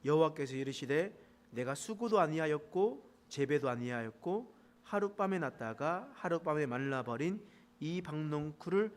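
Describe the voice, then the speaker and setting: A man preaching a midweek sermon as pastor, telling the story animatedly and reading verses more quietly and formally. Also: on the high side, animated, moderate pace.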